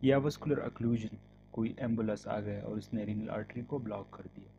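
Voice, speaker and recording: A man giving a recorded medical lecture, reading out definitions slowly and then explaining them, often slipping English terms into his talk. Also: fairly low pitch, steady tone, mellow. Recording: dull lo-fi audio with clear background hiss.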